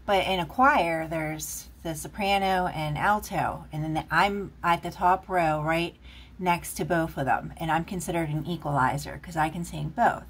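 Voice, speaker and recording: Recorded off camera at an indoor table, a woman with a deep, husky voice gives a casual, rambling tarot reading at normal speed, chatting with plenty of fillers.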